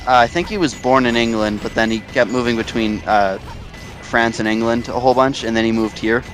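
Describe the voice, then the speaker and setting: Over soft background music, a man from Canada chats as a co-commentator on a gameplay video in casual gaming talk. His mid-range voice comes in halting stops and starts.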